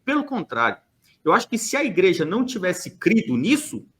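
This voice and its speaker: A high-pitched, fairly bright male voice belongs to a Brazilian man giving an opinionated church podcast monologue. He argues emphatically, using rhetorical questions along with hesitant fillers.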